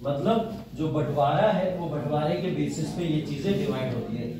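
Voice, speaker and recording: Amid crowd noise, a man with a slightly high voice teaches history at a moderate pace. He asks the class questions and supplies the answers himself, recorded with a faraway mic in a very echoey room.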